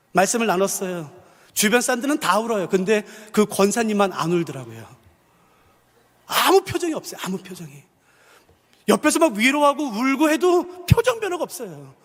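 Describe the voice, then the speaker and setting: Impassioned male pastor, high lively voice. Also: long reverb tail. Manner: impassioned storytelling, acting out quoted voices. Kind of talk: sermon.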